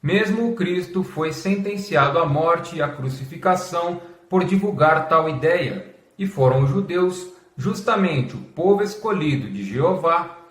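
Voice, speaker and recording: A Brazilian man hosting a scripted explainer in a formal, measured lecturing manner, reading out as if dictating. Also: a little high, animated, fairly bright tone. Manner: measured, formal reading that announces quotation marks aloud, as if dictating. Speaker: host of a religious history channel. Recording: echoey, reverberant room.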